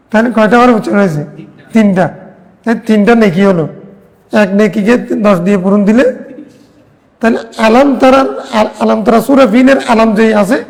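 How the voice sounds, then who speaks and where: A man's voice: very high-pitched, creaky, long reverb tail. A man teaching a hadith class, explaining step by step and asking his students questions that he answers himself. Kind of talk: religious class lecture.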